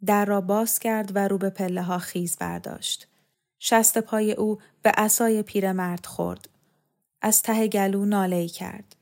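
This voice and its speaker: A woman narrating a literary story in a calm, measured way. Her pitch is in the middle range. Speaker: story reader. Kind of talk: scripted narration.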